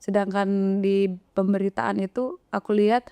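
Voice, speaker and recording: A woman's voice: medium pitch, steady tone, normal speed, dark tone, smooth, dry recording. A woman, retelling a painful story in an interview and acting out the dialogue with hesitant restarts. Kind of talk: emotional retelling of events.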